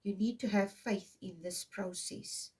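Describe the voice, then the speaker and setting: A South African woman in her fifties, Afrikaans being her first language, gives a casual, intuitive tarot reading, rambling along and tagging many lines with "okay?". Her medium-pitched voice is mellow and steady, measured in pace, and picked up from a distance.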